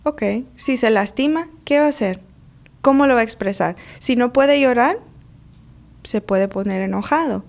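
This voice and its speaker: A woman's voice: on the high side, lively intonation, normal speed, gravelly. A woman life coach and mother, speaking earnestly about emotions and child-rearing, telling personal stories in a conversational interview. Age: adult mother. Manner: earnest, uses personal stories and acted-out quotes.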